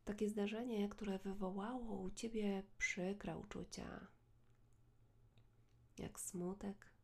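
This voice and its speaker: Slow, breathy woman guiding meditation, hushed and close. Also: mid-range voice, steady tone. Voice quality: soft, breathy. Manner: slow, soothing, measured with long pauses. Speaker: guided meditation leader. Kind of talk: guided meditation narration.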